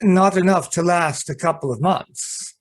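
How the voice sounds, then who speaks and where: A male actor in an amateur radio drama plays a sly, courteous valet who is quietly plotting betrayal. Slightly high-pitched, he speaks haltingly and without hurry, sounding nervous and deferential like a hesitant servant.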